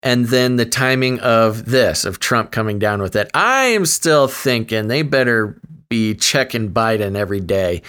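A man's voice: mid-range voice, lively intonation, a little slow, fairly bright tone. A man co-hosting a casual podcast, making wry, sardonic asides. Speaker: podcast co-host. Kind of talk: casual political chat.

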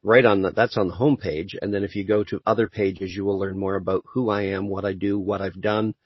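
Low-ish guy, voice actor guest, easygoing chat, dry close sound but kinda muffled lo-fi. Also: fairly quick, breathy edge, no echo. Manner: relaxed, conversational, dry humor. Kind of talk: casual interview chat. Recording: muffled lo-fi audio.

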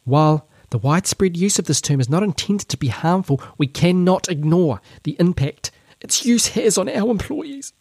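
A man's voice: high-pitched, animated, moderate pace, hardly any pauses, darkish tone, no echo, clean studio sound, pitched above the performer's own voice. A man putting on a mocking, sing-song voice as a preachy university administrator reading out a memo.

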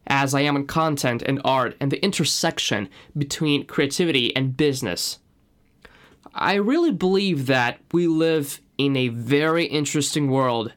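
A man from Russia with a slight Russian accent, introducing his own podcast in an earnest, personal way. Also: medium pitch. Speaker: podcast host.

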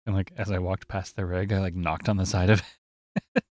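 A man's voice: low voice, level tone, a little fast, a little mellow, no echo, studio quality. A man co-hosting a podcast, telling stories in a laid-back way and laughing often. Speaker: podcast co-host. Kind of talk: casual chat.

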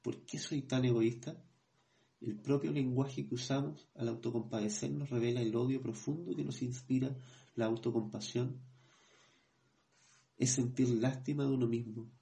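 A man co-hosting a podcast, reading passages from a book in a measured way, then hesitating as he comments in his own words. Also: mid-range voice, steady tone, gravelly, warm tone. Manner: measured reading, hesitant when speaking freely. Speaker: podcast co-host.

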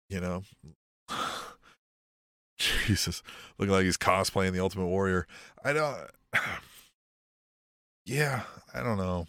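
A man's voice: sits low, fairly bright tone, no echo, clean studio sound. A man hosting a podcast in casual, profane, rambling chat with a sardonic edge. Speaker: podcast host.

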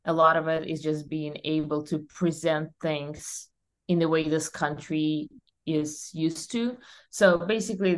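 A woman's voice: sits low, smooth. A young woman from Russia, a podcast guest, talking energetically and emphatically with frequent fillers in a conversational interview. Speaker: podcast guest, company founder.

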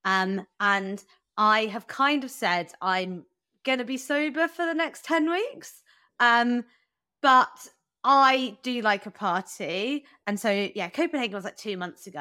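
A woman's voice: mid-range voice, expressive, a little slow, pushed and bright, clean tone, no echo, studio quality. A young adult woman, a guest runner in a casual podcast interview, chatty and full of "like" and "um". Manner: chatty, lots of "like" and "um", laughs easily.

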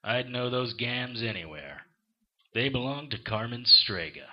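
A man plays a sarcastic, short-fused supernatural detective in a noir audio drama. His voice is rough and husky, with lively swings and dry hard-boiled phrasing. The recording sounds slightly muffled. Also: mid-range voice, a little slow. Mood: wry narration. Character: sardonic, short-tempered male supernatural private eye.

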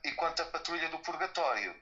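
A man from the Algarve in Portugal, a guest musician recalling a friend in a relaxed interview, with fillers and asides. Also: fairly high pitch, fast talker, dull audio. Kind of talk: interview recollection.

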